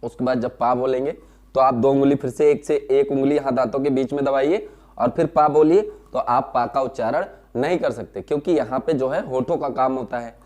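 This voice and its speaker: A male teacher gives a classroom lesson at a measured pace. He sounds out syllables one at a time and repeats each key term. He often asks a question and answers it himself. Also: medium pitch, a little mellow. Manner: explains slowly, repeats key terms and answers his own questions.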